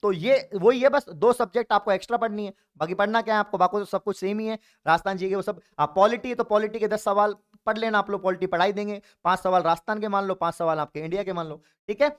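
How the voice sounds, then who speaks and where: A coaching teacher from Rajasthan, India, delivers a YouTube exam update in a high, fast voice with hardly any pauses. He encourages his online viewers, addressing them as friends and brothers.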